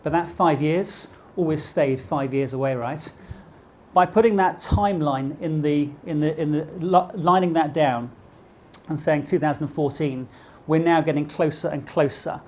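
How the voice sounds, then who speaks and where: A middle-aged keynote speaker with a posh British accent talks at a moderate pace in a slightly high, slightly mellow voice. His motivational business talk, given live before an audience, leans on rhetorical questions.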